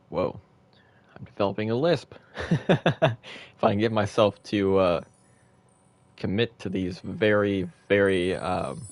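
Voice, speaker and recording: A man with a fairly low voice talks through a live game stream, narrating each step as he sets it up. He keeps it loose and casual, musing aloud and laughing at his own stumbles. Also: no room sound. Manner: casual, thinking aloud while building, chuckling at himself. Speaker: gaming livestreamer. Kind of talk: live gameplay commentary.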